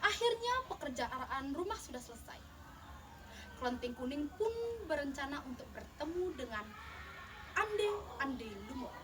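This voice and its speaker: A young woman with a high voice, big pitch swings, and an unhurried pace tells a folktale in a theatrical, emphatic style, as though performing in a contest. The mic is distant and the background is clearly noisy.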